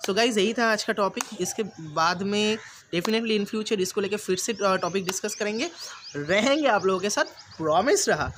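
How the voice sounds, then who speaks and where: Man, high-pitched, earnest casual advice, repeats himself, mixes in English phrases, noisy recording. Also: animated, normal speed. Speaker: YouTube channel host. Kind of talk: casual self-help talk to camera. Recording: noisy background.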